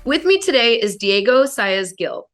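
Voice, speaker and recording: A woman's voice: on the high side, big pitch swings, unhurried, faint music behind. A woman hosting an interview, introducing her guest with enthusiasm. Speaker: host.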